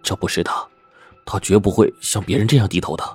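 An earnest, simple-hearted young husband speaks plainly, as a male narrator puts him on. The voice stays low and breathy-husky, close to the storyteller's own. Faint music lies under it. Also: a little fast, a little mellow. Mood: grim.

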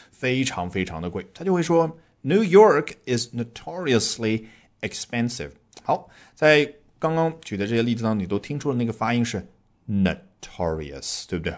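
Male podcast English teacher, low-ish voice with animated pitch, chatty, heavy on fillers and rhetorical questions. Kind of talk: explaining English vocabulary to learners.

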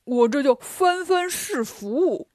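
A greedy, clownish male pig-monk, performed by a woman narrator in a children's storybook. He is loud and teasing, with drawn-out, slowed punchlines. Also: high-pitched, lively intonation, dry recording, studio quality.

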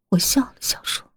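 A woman narrating a horror story in a hushed, breathy voice that often drops to a whisper, recorded close to the mic. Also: no echo.

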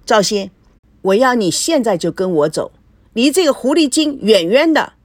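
A woman's voice: fairly high pitch, animated, moderate pace, no room sound. A woman voicing a furious, jealous young wife who shrieks and sneers at her rivals. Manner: shrieking, scornful.

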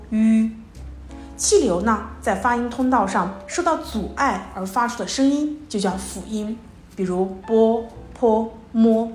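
A woman delivers a psychology lecture at a steady, explanatory pace, pausing on little fillers between points. Her voice sits at a middle pitch and carries noticeable room echo. Faint music plays underneath. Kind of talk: recorded lecture.

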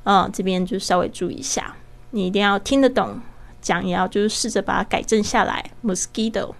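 A woman hosting a podcast English lesson, explaining step by step and slowing down to model English pronunciation. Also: medium pitch, fairly even intonation, gravelly. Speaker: podcast host and English teacher.

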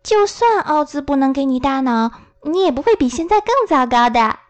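A woman putting on a polite, eager little girl from a children's storybook, her voice lifted well up high and a little louder than the narration. She talks in a bright, well-mannered way, quick to ask questions. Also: animated, no echo. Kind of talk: storybook reading.

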